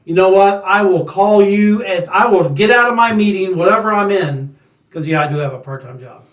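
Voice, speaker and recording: A man's voice: sits high, normal speed, roomy sound, far from the mic. A male host of a casual interview show who talks straight to his viewers in a friendly way. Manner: friendly, direct address to viewers. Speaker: podcast host.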